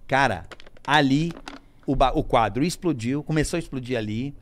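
A man from Rio de Janeiro, a comedian guest, telling stories on a podcast in a casual way and acting out quotes with sudden loud shouts. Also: medium pitch, normal speed, a little hiss or hum. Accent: Brazilian Portuguese, Rio de Janeiro. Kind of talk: casual storytelling.

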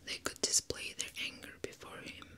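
A young woman whispers a book softly from ear to ear into a close binaural microphone, in an unhurried ASMR style. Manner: soft, unhurried, fully whispered. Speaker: ASMR host. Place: small indoor room. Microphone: close binaural microphone in a plush cover.

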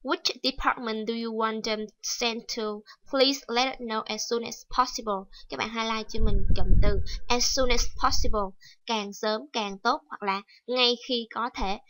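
A woman's voice: fairly high pitch, fairly even intonation, a little slow, bright, forceful tone, dry recording, poor audio. A woman teaching a TOEIC reading lesson, explaining step by step and repeating key words. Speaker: English teacher.

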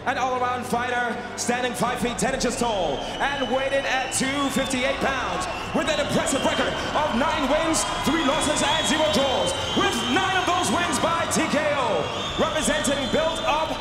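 Inside the cage of a big indoor fight arena, a thirties-aged ring announcer introduces the boxers with theatrical, thundering flair, drawing each name out. His handheld mic feeds the arena's PA system, so the recording echoes, layered with music and the roar of the crowd.

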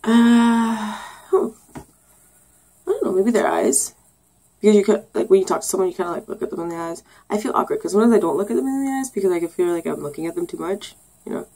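This is a get-to-know-me vlog from a young Canadian woman who rambles, giggles, drops lots of ums and throws in sarcastic remarks. She talks fast in a warm, mid-range voice, captured on a low-quality recording.

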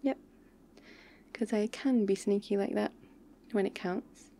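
A woman playing an affectionate, pouty young girlfriend in an intimate, soft ASMR role-play for ASMR. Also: medium pitch, a little hiss or hum, close to an everyday voice. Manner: intimate soft voice dropping into speaks softly, slow and tender.

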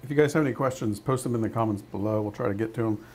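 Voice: mid-range voice, racing, a little mellow, a little hiss or hum. A co-host on a casual livestream, friendly, reading viewer comments and pointing viewers to links. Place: aquarium studio.

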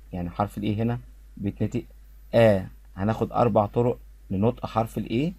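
Man, Egyptian Arabic accent, English pronunciation lesson, repeats words clearly, dry sound. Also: on the low side, warm tone, no echo. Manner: repeats each word slowly and clearly for students. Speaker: English teacher.

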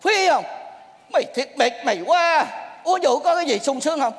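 A man with a Southern Vietnamese accent plays a troupe master in a live stage sketch, scolding with a very high voice. He keeps breaking into exasperated shouts. The sound rings with long reverb from a theater hall. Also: lively intonation, a little fast.

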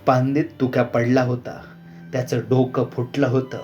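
A man narrating a folk tale in a measured, dramatic storytelling manner, also hosting the channel. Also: mid-range voice, little pitch movement, a little mellow, lo-fi sound. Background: faint background music.

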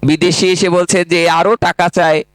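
A man's voice: high-pitched, level tone, no room sound, rough recording. A man preaching a devotional story sermon, breaking into chanted verses and speaking directly to the women listening. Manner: drawn-out chanting delivery, dramatic voicing of quoted characters. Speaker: Bhagavata reciter.

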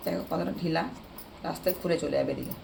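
Female home vlogger, hoarse and gravelly, chatty delivery, recorded off-mic in an echoey, noisy room. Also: deep voice, quick pace. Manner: chatty, addresses viewers directly. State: hoarse, strained voice from a sore throat. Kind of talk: casual chat to viewers. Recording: roomy echo, distant mic, noisy background.

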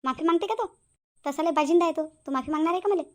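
A woman's voice: very high voice, fast talker, darkish tone. A woman voicing a quarrelsome middle-aged mother-in-law in a cartoon, nagging and accusing. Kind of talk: cartoon voice acting.

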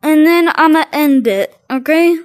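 Nervous high-voiced woman playing a horror game. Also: measured pace. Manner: nervous, scared reactions with gasps and slangy exclamations. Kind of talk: casual gameplay commentary. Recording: clearly noisy, game sounds behind.

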